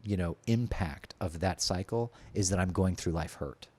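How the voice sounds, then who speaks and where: A man's voice: low voice, normal speed, a little mellow, husky. A man as a podcast guest in casual conversation, talking openly and reflectively with many filler words.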